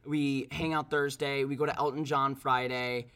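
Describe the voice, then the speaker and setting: A man's voice: medium pitch, flat delivery, moderate pace, fairly bright tone, clean tone. A young man, a podcast guest, telling a story casually and animatedly, swearing and acting out quotes.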